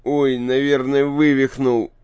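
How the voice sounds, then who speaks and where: A man's voice: medium pitch, moderate pace, a little mellow, dry recording, voice pushed up, lightly acted. A man doing a timid, whiny boy. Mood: frightened. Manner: whimpering, pleading.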